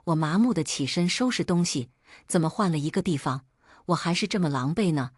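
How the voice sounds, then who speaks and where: Female narrator, husky and low-pitched, first-person novel read with a dry sound. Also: animated, a little fast, dry recording. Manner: reads all parts in her own voice.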